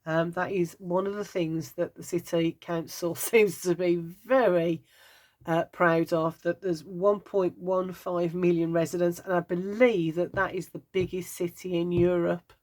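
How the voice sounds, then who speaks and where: Brummie lady in her 50s, bit low voiced, rambly and wry, just chatting to camera. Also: level tone, a little slow, darkish tone. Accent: Birmingham (Brummie). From Birmingham, England. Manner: chatty, meandering, wry humour. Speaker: craft vlogger. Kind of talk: casual chat.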